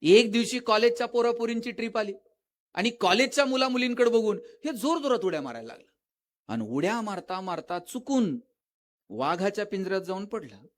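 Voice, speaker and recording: A man giving a lively motivational lecture at a school event, telling funny stories and acting out the characters' lines. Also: high voice, brisk. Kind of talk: public lecture with storytelling.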